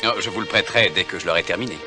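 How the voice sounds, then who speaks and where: A man acting a young gentleman in a dubbed TV adventure. He speaks in a lowish voice with refined, bookish courtesy, and music plays clearly behind him. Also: racing, close to an everyday voice. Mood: affably courteous. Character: polite, bookish young nobleman back from abroad.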